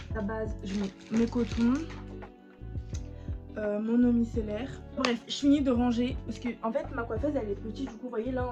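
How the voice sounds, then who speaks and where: A woman, chatting casually as she vlogs. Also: on the high side. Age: late teens. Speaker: vlogger. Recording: muffled lo-fi sound, music behind.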